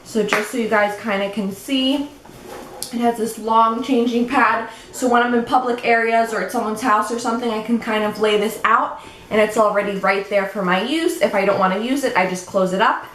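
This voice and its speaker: A woman's voice: fairly high pitch, moderate pace, a bit bright. Breathless, chatty young woman vlogger. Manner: chatty, explains products step by step. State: a little out of breath. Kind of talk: casual show-and-tell vlog. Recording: echoey room with faint background noise.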